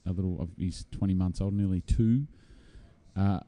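Deep, mellow Tasmanian Australian man chatting. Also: fairly even intonation, moderate pace. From Hobart, Tasmania, Australia. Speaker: interview guest, singer-songwriter. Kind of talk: casual chat.

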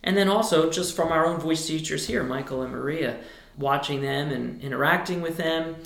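A male choir director with a high tenor speaking voice gives relaxed interview answers, loose and rambling, thoughtful, often restarting. He speaks at a moderate pace with vocal fry and a fairly bright tone, and the sound is roomy.

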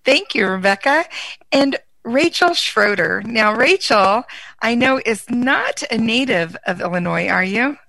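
A woman's voice: on the high side, expressive, unhurried, vocal fry, sharp tone, dry recording. A woman hosting an online panel, introducing each guest in a chatty way. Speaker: host.

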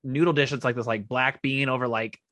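A man's voice: mid-range voice, fairly even intonation, fairly quick, a bit bright. A man co-hosting a casual podcast chat, enthusiastic and swearing casually.

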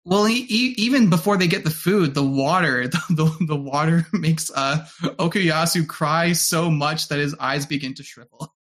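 Guy with a bit higher voice going over the episode plot, stumbles and restarts a lot. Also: fairly bright tone. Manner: recapping plot with halting restarts. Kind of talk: casual chat.

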